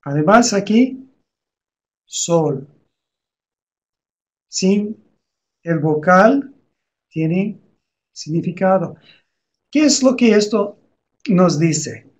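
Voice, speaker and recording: Guy w a high voice teaching slowly, lots of pauses. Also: lively intonation. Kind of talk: explanatory lesson on teaching reading.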